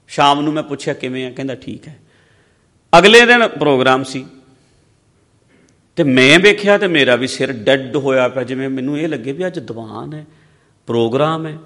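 Guy preaching on stage, loud then soft, big echoey hall. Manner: earnest, swings between loud emphasis and soft low asides. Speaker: religious preacher. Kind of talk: sermon with personal stories. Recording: long hall reverb.

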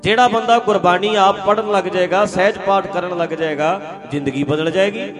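High-voiced preacher man over music. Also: a little fast. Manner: earnest, asks listeners rhetorical questions and addresses them directly. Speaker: Sikh preacher. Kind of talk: conversational religious sermon.

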